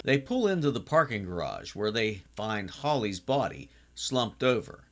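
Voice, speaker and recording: A man in his sixties recapping a TV episode in a chatty, casual way, now and then breaking into animated exclamations. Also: lowish voice, measured pace. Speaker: TV series reviewer.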